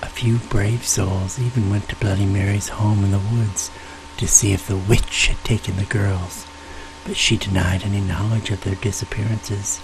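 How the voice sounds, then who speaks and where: A soft-spoken, folksy man telling ghost stories in an unhurried ASMR style, sometimes dropping into a whisper. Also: fairly low pitch, flat delivery, creaky, noisy background. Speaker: storyteller, ASMR host.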